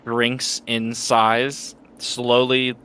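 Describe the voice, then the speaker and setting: A man playing a tabletop game, telling his character's actions in a relaxed, storytelling way. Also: medium pitch, extremely slow, clear, resonant tone. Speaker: player.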